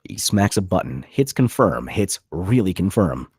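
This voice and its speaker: A man with a low, gravelly voice takes his time narrating a script, giving the stage directions a dramatic, animated reading. The sound is dry and closely miked.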